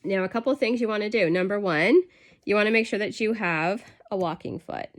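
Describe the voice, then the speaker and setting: A woman's voice: mid-range voice, fairly quick. A woman with a cold and a nasal voice, giving a casual, chatty quilting tutorial. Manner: chatty, relaxed, with fillers. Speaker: quilting instructor.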